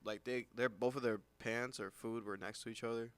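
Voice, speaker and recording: A man's voice: medium pitch, steady tone, a little fast, clear, resonant tone, no echo. A young man co-hosting a casual podcast chat, rambling with lots of "like" fillers and frequent laughs. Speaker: podcast co-host.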